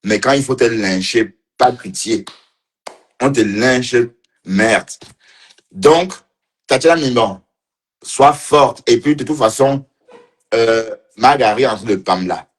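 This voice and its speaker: A man's voice: mid-range voice, takes it slowly, long pauses. Mocking man in casual livestream commentary. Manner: mocking and teasing, laughing often, repeating phrases. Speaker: online commentator.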